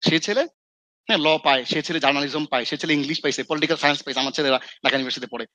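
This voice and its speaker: A man's voice: on the high side, rapid-fire, bright, forceful tone, dry recording. A man from Bangladesh, mentoring students in casual talk, who acts out his scolding and mixes in English phrases. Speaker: Islamic scholar and mentor.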